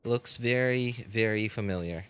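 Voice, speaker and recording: Unhurried and fairly bright in tone, a man in his thirties with a lowish voice rambles to his stream viewers as a live game streamer, full of fillers, restarts and frequent chuckles. A little hiss or hum is audible in the recording.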